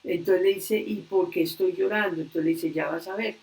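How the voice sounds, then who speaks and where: A woman leading a religious workshop, earnestly retelling a story slowly and with frequent hesitations over a video call. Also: lowish voice, fairly even intonation, creaky, darkish tone. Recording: distant video-call audio.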